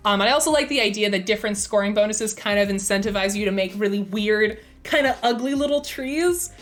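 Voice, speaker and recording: Hosting a casual live stream, a young woman talks a little fast in a mid-range voice, chatty and enthusiastic and thinking aloud with fillers. Being sick has left her voice slightly strained and fading.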